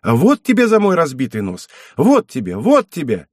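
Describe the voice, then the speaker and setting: A man's voice: fairly high pitch, wildly swooping pitch, normal speed, a little mellow, no echo, clean studio sound, pitched above the performer's own voice. A man doing a frank teenage country girl. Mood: playful. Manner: frank, playful. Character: shy lively teenage peasant girl.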